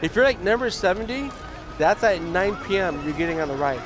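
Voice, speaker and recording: Expressive and fairly quick, the man's high voice has gone hoarse and scratchy, which he points out himself. He's a streamer chatting and rambling on a livestream, restarting his sentences often, over video game music.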